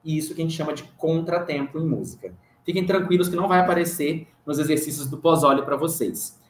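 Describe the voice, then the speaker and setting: A man's voice: fairly high pitch, fast. Brazilian man teaching rhythm, roomy echo. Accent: Brazilian Portuguese. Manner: patient, counts and sings rhythm syllables aloud. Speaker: music teacher. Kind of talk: online music theory class. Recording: roomy echo, faint hiss.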